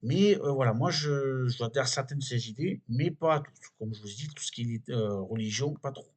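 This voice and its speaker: Hesitant French-accented man reading aloud. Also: mid-range voice. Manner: halting, many fillers and restarts. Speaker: video host reading and commenting. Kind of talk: casual commentary reading from a web page.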